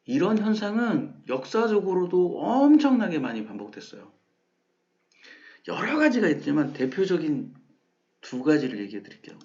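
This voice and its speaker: A man's voice: high voice, big pitch swings, moderate pace, darkish tone, lo-fi sound. Man explaining math in a casual lecture. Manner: conversational, acts out quoted questions. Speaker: math channel host.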